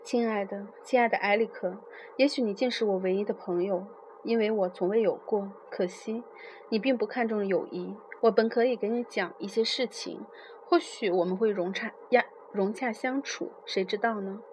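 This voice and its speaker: A woman narrating a literary novel in a soft, measured, unhurried reading voice. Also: medium pitch, a little hiss or hum.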